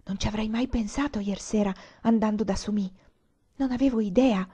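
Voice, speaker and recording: A woman's voice: mid-range voice, normal speed, mellow, slightly rough, lightly acted. A woman reading the lines of an earnest young man in love, pleading and urgent, sometimes whispering.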